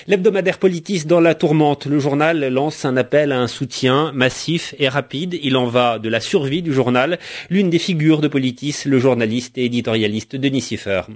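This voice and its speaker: A man presenting the radio news, reading scripted bulletins and announcements in a steady, formal manner. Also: mid-range voice. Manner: steady, formal newsreader delivery.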